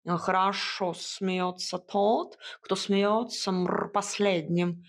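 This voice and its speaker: A woman voicing a proud, grumbling male house cat who talks slowly and purrs between words in an audiobook. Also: medium pitch, fairly even intonation. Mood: huffy. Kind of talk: audiobook character voice.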